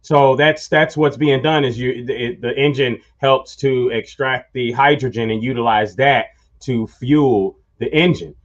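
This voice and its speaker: A man's voice: mid-range voice, a little slow, few pauses. Rambling male talk-show host, lo-fi sound. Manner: rambling storyteller, addresses listeners as y'all. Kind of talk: casual chat. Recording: dull lo-fi sound.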